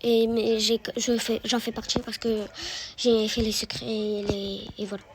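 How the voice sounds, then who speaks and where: A woman's voice: on the high side, level tone, measured pace, poor audio. A woman giving casual gameplay commentary, chatty and repeating words as she guides the viewer. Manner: chatty, repeats words while guiding the player. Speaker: gaming YouTuber.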